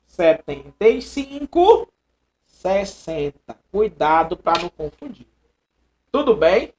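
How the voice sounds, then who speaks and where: A man with a Brazilian accent teaching a live online exam-prep lesson, animated and chatty, repeating phrases and reading viewers' messages aloud. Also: high-pitched, slow. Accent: Brazilian Portuguese.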